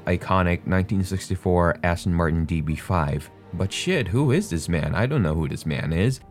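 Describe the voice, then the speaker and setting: A young man giving casual, joking film commentary, swearing freely and rambling with restarts. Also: low-pitched.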